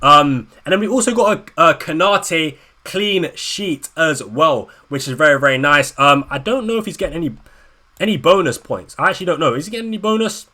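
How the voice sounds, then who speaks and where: A man's voice: on the high side, expressive, fairly quick, sharp tone. A young man ranting casually about his fantasy football week, exasperated and slangy, often stumbling over restarts. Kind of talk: casual ranting reaction video.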